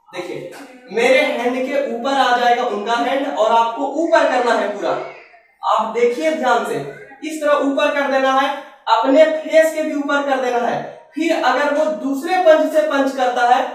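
Male karate teacher, fairly high voice, chatty demo patter, distant mic in a heavily echoing room. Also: unhurried. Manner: chatty, repeats "dekhiye" and "bhai" while demonstrating moves. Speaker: karate instructor. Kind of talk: casual self-defense demonstration. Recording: very echoey room, mic far away.

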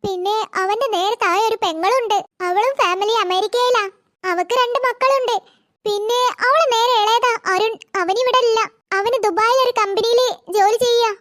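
A woman's voice: very high-pitched, moderate pace, fairly bright tone, no echo. A woman voicing a chatty grandmother in a cartoon, rambling about her family.

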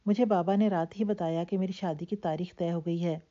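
A woman narrator voicing a young woman who speaks calmly and firmly to her family, on a dull lo-fi recording. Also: on the low side, natural voice. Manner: calm, firm, then helpless.

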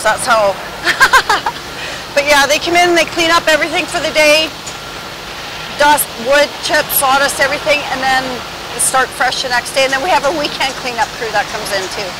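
A woman's voice: high-pitched, moderate pace. Woman touring a noisy sawmill. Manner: casual, explanatory, uses "right?" often. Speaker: mill employee giving a tour. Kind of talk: explaining while walking a tour. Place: loud sawmill floor and yard, indoors and outdoors. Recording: loud machinery noise behind.

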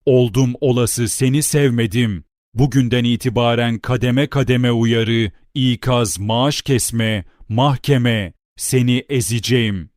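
A man narrating an audiobook voices a harsh, short-tempered lieutenant colonel who scolds in a deep, stern voice. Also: steady tone, slow, a little mellow, no echo, studio quality, natural voice. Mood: angry scolding. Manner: barking, scolding.

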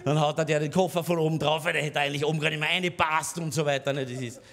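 A man's voice: on the high side, steady tone, very fast, a bit bright. A man with an Austrian accent performing a stand-up cabaret monologue, chatty and conspiratorial, with frequent tag questions. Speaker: cabaret comedian.

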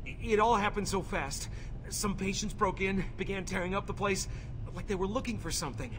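A man's voice: sits high, a little fast, fairly bright tone, a little hiss or hum. An actor playing a rescued hostage in a video game, a distraught, shaken man giving a witness account. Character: distraught rescued male hostage recounting an attack.

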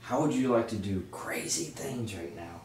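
A man's voice: lowish voice, animated, moderate pace, darkish tone, roomy sound, distant mic, a little hiss or hum, close to an everyday voice. A man voicing a tiny mischievous goblin in a teasing, impish manner, in a tabletop game.

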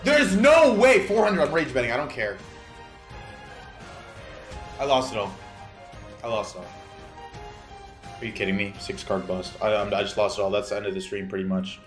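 A man livestreaming his gambling, swinging between explosive shouting and muttered swearing. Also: fairly low pitch, expressive, moderate pace, long pauses. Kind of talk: livestream reactions. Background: music.

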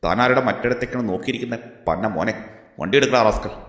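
A man's voice: fairly low pitch, fast talker, close to an everyday voice. A man voicing a bullying, leering male police sub-inspector who barks coarse threats, in an echoey room. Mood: furious. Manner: coarse, threatening, shouts insults. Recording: echoey room with long reverb.

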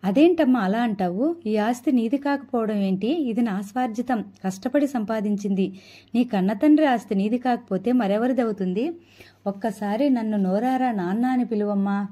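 A woman's voice: fairly high pitch, normal speed, warm tone, close to an everyday voice. A woman reading the lines of a remorseful wealthy older father who pleads with his daughter, in an earnest storybook delivery. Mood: pleading.

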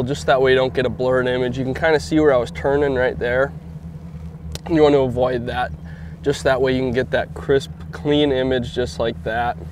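A man in his thirties who hosts an outdoors show explains fishing technique from a boat in an easygoing, instructive manner, often laughing when he gets excited. His voice is medium-pitched, with a little background noise.

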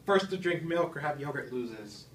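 A man's voice: on the high side, lively intonation, moderate pace. A young man chatting casually as he takes part in a challenge video. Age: young adult. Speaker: challenge participant. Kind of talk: casual chat. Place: small indoor room with sink. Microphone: handheld phone a few feet away. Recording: echoey room, distant phone mic, clear noise.

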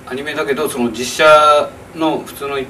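A man in his forties, an animation director, answering interview questions thoughtfully with many pauses and fillers in a small press room. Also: on the high side, fairly even intonation, bright, forceful tone. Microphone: camera across the room. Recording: distant camera mic, faint noise.

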